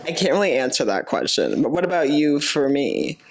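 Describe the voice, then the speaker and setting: A woman's voice: deep voice, very animated, brisk, vocal fry. A young woman co-hosting a podcast, chatting candidly with her partner, laughing often and filling her talk with "like". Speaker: podcast co-host. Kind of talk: casual chat.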